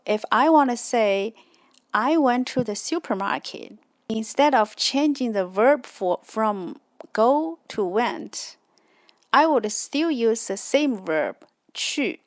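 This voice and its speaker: Slow, soft-spoken woman. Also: a little high, no room sound. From China. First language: Chinese. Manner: patient, explains slowly with examples. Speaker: host. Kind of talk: educational explanation.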